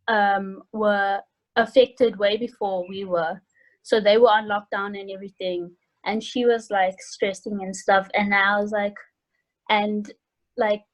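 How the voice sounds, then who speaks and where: This is a casual chat over a video call with a woman in her early twenties, a university student from Johannesburg with a South African accent, speaking from a room at home. As an interview guest she is hesitant and informal, like a student, with a medium-pitched voice on poor audio.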